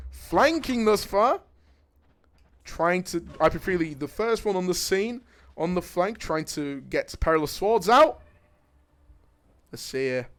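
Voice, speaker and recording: Casting a live esports match, this young man has a voice that sits high and a jokey, eager delivery. Big plays draw shouts from him, while quieter moments bring low asides.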